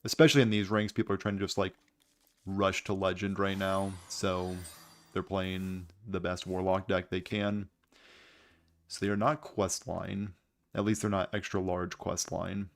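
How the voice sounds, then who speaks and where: A man's voice: sits low, flat delivery, measured pace, creaky. A man giving casual gameplay commentary as host, with a dry, wry, understated way of talking. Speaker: gaming video host.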